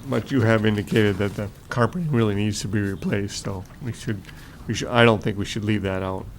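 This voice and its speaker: A man chairing a public board meeting who reads agenda items aloud in a formal, halting way with frequent fillers. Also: on the low side, fairly even intonation, a little hiss or hum. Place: meeting room.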